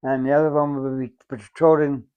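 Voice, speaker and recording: A very old Englishman of around 100 recalls his service as a veteran in an unhurried oral-history reminiscence. His mid-range voice is level and smooth, with an English accent, and his delivery is halting and reflective with repeated phrases. The recording sounds dull, muffled, and lo-fi.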